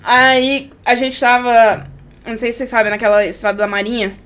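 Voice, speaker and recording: A woman's voice: fairly high pitch, level tone, normal speed, a bit bright, clean tone. A woman who drives for a rideshare app, telling stories from her rides as a guest in casual chat and acting out scenes with sound effects. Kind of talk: casual chat, anecdotal storytelling.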